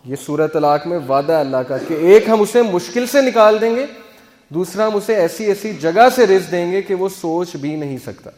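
A man's voice: sits high, a little mellow. A male teacher giving an earnest, conversational religious talk, explaining with everyday examples and mixing in English words. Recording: long hall reverb.

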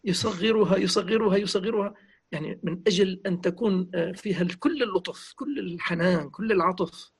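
A man, reminiscing in conversation in a gentle, reverent way and softly repeating phrases. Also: high-pitched, a little fast, creaky, breathy edge. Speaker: interviewee.

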